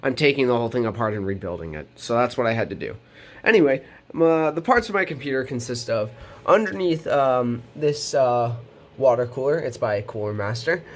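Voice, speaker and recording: There's a little hiss or hum under this teenage boy's medium-pitched voice as he vlogs casually from his bedroom. Nasal while recovering from a cold, he rambles with many ums and restarts, moving around the camera mic.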